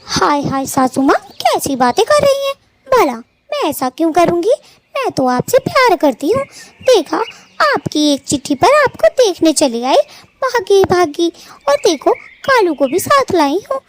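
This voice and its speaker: A woman's voice: very high-pitched, sing-song, a little slow, a little hiss or hum, exaggerated voice. A woman voicing a sly young bird daughter-in-law in a cartoon, in a sugary, whiny, mock-sweet manner.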